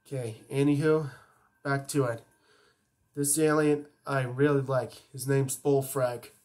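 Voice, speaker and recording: A man's voice: medium pitch, flat delivery, a little slow, a little mellow, slight background noise. A man chatting casually and enthusiastically as he introduces his voice impressions. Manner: enthusiastic fan talk. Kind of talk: casual chat between impressions.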